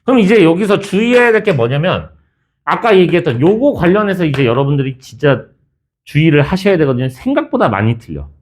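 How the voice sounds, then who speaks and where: Male math teacher, lively and teasing, fairly high voice, classroom lecture. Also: a little fast, slight background noise. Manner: chatty, teasing, switches between formal and casual speech.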